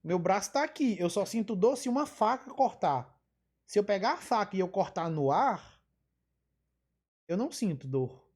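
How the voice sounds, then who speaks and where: A woman's voice: mid-range voice, animated, normal speed, darkish tone, breathy edge. A woman giving a live online physiology lecture. She explains by repeating key terms, wanders into asides, and throws in emphatic rhetorical questions.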